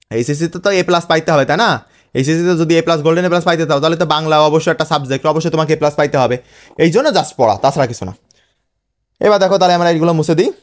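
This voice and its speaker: A man's voice: on the high side, a little mellow. A man teaching a lesson, spelling words out sound by sound and often checking that students follow. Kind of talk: classroom lecture.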